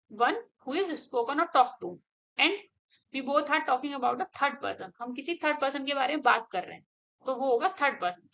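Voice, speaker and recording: A woman's voice: high voice, sharp tone. A woman teaching an English grammar lesson step by step, often checking with her students and asking them questions. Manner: explains step by step, asks students questions, often says "theek hai". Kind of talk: classroom-style grammar lesson mixing Hindi and English. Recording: dull lo-fi audio.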